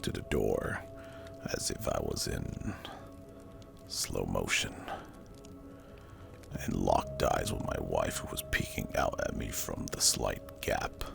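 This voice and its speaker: A man with a rock-bottom, breathy voice tells a horror story in a hushed ASMR whisper. His delivery is slow, deliberate and spooky, thick with gravelly fry. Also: very deep voice. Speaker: narrator. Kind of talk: whispered ASMR horror storytelling, scripted first-person narration. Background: music.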